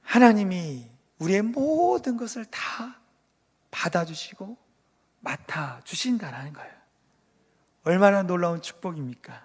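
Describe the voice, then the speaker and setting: Man, pastor, lively sermon, call-and-response, high voice, long church reverb. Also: unhurried, long pauses, breathy edge. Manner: animated preaching, leads congregation in call-and-response. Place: church sanctuary.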